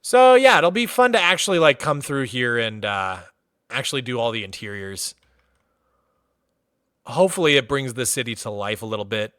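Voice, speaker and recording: Here a man from Massachusetts gives relaxed livestream commentary as he explores a game world, chatting loosely and saying "like" a lot. He speaks at normal speed with a medium pitch, and the recording is dry and studio quality.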